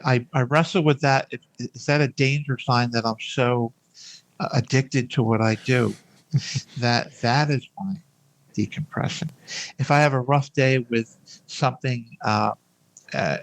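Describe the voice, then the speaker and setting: Older male podcast guest, mid-pitched, reflective conversational delivery with halting repetitions. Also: low-quality recording. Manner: hesitant, repeating words and phrases as he thinks aloud. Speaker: podcast guest, hospice nurse. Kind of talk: conversational interview.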